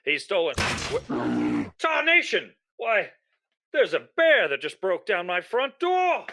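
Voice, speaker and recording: A man playing an excitable old-time farmer on a comedic 1920s-style radio parody, rambling with folksy exclamations. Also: high-pitched, slow, creaky, slight background noise, heavily acted. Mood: frantic. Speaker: co-host playing a hapless farmer.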